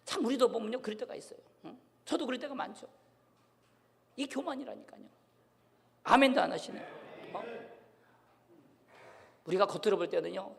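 A male pastor with a high-pitched voice and vocal fry preaches a sermon in a church sanctuary, frequently calling out to the congregation for responses. The recording carries the long hall reverb of the church.

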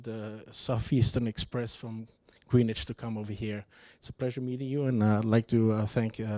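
A man from Greece, a company founder, giving a formal, measured self-introduction into a handheld mic in a seminar room. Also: medium pitch, darkish tone, no echo. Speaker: founder and CEO. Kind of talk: self-introduction at book launch.

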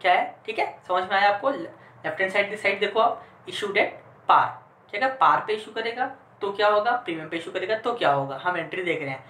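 A man's voice: high-pitched, animated, a little fast, sharp tone. A man teaching an accountancy class online, walking students through journal entries and repeatedly checking that they are following along. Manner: mixes English terms into Hindi explanations. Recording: echoey room with faint ambient noise.

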